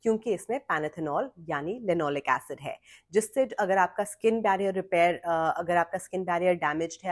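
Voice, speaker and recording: Chatty woman, lowish voice. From India. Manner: chatty, mixes Hindi and English freely, recommending products. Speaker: skincare vlogger. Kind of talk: casual talk to camera.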